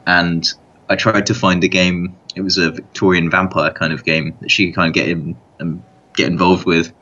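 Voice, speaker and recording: A man talking in a measured way on a podcast, hedging often with "sort of" and "kind of". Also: low voice, level tone, sharp tone. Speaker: podcast panelist. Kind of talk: casual podcast chat. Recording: dull lo-fi sound.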